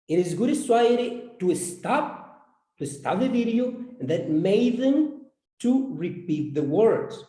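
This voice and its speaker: A man explaining his classroom lesson plan as an English teacher, halting and repeating words as he goes. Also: sits high, dark tone. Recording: roomy echo.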